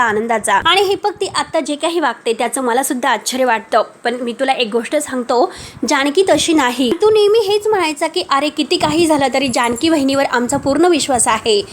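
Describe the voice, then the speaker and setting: A woman giving a voice-over recap of a TV serial episode, retelling each line of dialogue in steady reported speech. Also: sits high, slight background noise. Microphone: voice-over recorded separately from the pictures.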